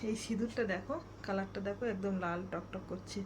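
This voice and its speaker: A woman's voice: mid-range voice, steady tone, brisk. A woman chatting casually to her viewers about her day at home. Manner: rambling homely chat addressed to viewers; speaks softly so a sleeping child won't wake. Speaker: vlogger. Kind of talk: casual chatty daily vlog. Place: home, indoors. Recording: noisy home phone recording.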